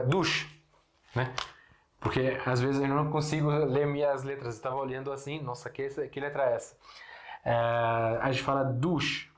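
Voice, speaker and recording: Guy teaching words, easygoing, keeps asking "right?", mid pitch. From Syria. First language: Arabic. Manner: explains slowly, writes on a board, checks in with "né?". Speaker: Arabic teacher. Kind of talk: casual language lesson.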